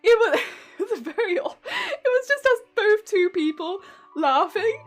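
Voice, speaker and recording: Giggly high-voiced woman with Hampshire accent. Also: sing-song, moderate pace. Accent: Hampshire English. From England. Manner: giggly storytelling, often breaking into laughter. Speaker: cosplay streamer. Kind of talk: casual stream chat.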